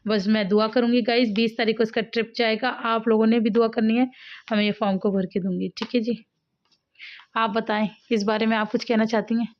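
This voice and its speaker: A woman's voice: fairly high pitch, little pitch movement, fairly quick. A woman from India, a mother, chatting casually to viewers in a home vlog. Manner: chatty, talks straight to viewers as "guys". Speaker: family vlogger and mother. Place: at home, indoors. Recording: dull lo-fi home recording.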